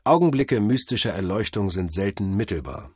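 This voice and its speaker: A man reading a short story aloud in a calm, measured storytelling manner. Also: lowish voice, husky, no echo, studio quality. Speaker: narrator. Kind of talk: audiobook reading.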